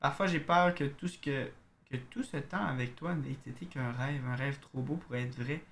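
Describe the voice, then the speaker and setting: A gravelly, mid-range male voice, with a little hiss or hum behind it, belongs to a Québécois-accented game streamer. He keeps things casual, chatting with his viewers, and slows into a narrating style when reading in-game letters aloud.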